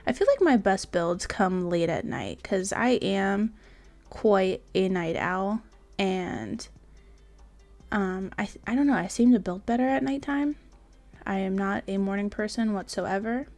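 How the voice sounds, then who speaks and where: A woman's voice: medium pitch, a little slow, darkish tone, soft background music. A tired woman giving casual, rambling voice-over commentary on her building game, full of fillers and trailing asides. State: tired, yawning.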